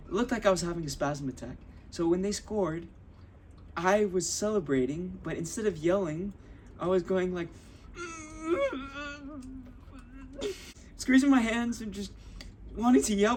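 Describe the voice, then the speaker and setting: A man's voice: on the high side, darkish tone. A young man hosting a podcast, telling a personal story in a candid, rambling way with many restarts and acted-out quotes. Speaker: podcast host. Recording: voice slightly off-mic with faint ambient noise.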